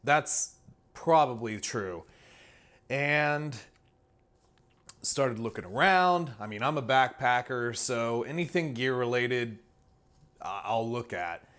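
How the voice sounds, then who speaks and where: A man's voice: mid-range voice, animated, slow, long pauses, a bit bright. A man hosting his own channel, chatting casually through a table of camping meals with plenty of fillers and restarts. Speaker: food reviewer, channel host. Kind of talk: casual product walkthrough. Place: indoors at a table.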